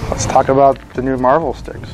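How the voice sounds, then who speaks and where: A man's voice: mid-range voice, level tone, brisk, noisy background. A man co-hosting a casual candy chat, answering in brief, easygoing remarks. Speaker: co-host.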